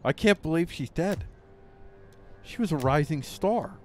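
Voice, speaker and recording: Slow, lively-voiced man playing a strategy game. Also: fairly high pitch, slight background noise. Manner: theatrical mock grief, bursts of loud exclamation. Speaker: let's play host. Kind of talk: casual gameplay commentary.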